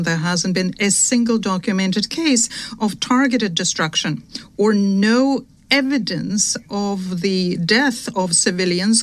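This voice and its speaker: A live interpreter voicing a formal diplomatic statement on the spot, halting and correcting words as they go. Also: mid-range voice. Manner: halting, uneven pace with restarts and self-corrections. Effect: live simultaneous interpreter voice.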